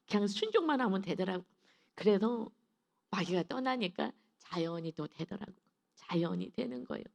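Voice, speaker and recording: A woman's voice: mid-range voice, vocal fry. A woman pastor giving an early-morning devotional sermon, telling a personal story with feeling and voicing her own inner thoughts.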